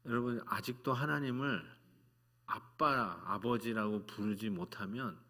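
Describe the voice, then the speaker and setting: A male pastor preaching at a midweek prayer service, telling stories in a conversational way and moving between hushed, soft passages and loud, fervent prayer. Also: fairly low pitch, measured pace.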